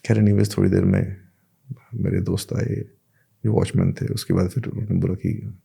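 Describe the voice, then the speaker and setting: A man's voice: sits low, little pitch movement, normal speed, creaky, warm tone, husky. A man, a podcast guest, casually telling a personal anecdote and acting out the back-and-forth of what people said. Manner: retells events with many quoted exchanges.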